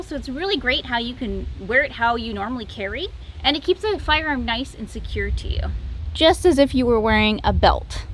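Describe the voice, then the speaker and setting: An American woman in her thirties hosts a casual product review to camera on a backyard patio and in a home kitchen, speaking conversationally and informally. Her voice is high and fairly bright, with slight background noise.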